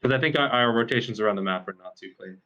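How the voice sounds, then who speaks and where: Bright-voiced young man, chatty gamer. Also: mid-range voice, fast, lo-fi sound. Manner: casual, filler-heavy, laughs often. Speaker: pro esports player. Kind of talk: post-match interview.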